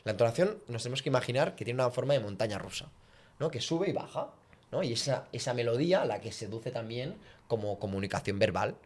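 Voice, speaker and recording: A man, a communication coach talking on a podcast, lively, acting out quoted lines. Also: fast talker, hardly any pauses. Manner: animated, acts out quoted speech with big pitch jumps. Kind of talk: podcast conversation, teaching.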